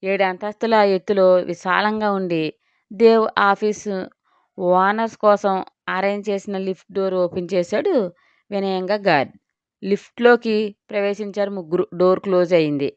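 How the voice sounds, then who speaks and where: A woman narrating an audio drama story in a steady storytelling manner. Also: mid-range voice, moderate pace, smooth, no room sound. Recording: dull, dry.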